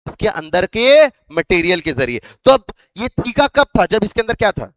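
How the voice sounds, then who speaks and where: A man's voice: high voice, big pitch swings, moderate pace, fairly bright tone, no room sound, faint music behind. A male biology teacher lecturing a class, asking questions over and over to drill his students.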